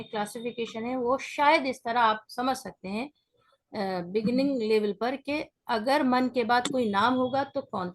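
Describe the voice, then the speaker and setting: A woman's voice: on the high side, fairly bright tone. Woman teaching a grammar class online. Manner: patient step-by-step explaining, often checking in with students.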